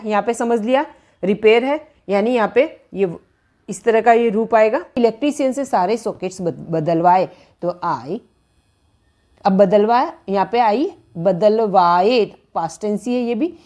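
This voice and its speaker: Woman teaching grammar slowly, word by word. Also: on the high side, a little mellow. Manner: slow, repeating each example word by word. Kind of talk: classroom-style lecture in Hindi.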